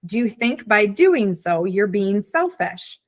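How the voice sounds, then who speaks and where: A woman's voice: medium pitch, big pitch swings, slow pace. A woman in her forties hosting a podcast, chatting reflectively and acting out her own thoughts. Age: 40s. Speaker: podcast host. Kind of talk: casual chat.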